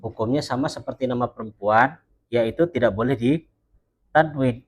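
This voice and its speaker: A man teaching Arabic grammar in an online class, who explains patiently and says example phrases slowly and carefully. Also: mid-range voice, slightly rough.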